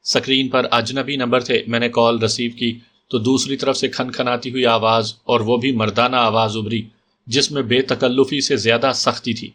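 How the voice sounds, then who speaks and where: A male storyteller reads a detective story in a calm, steady voice. His pitch sits in a middle range. The reading stays even from line to line. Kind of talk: scripted audiobook narration.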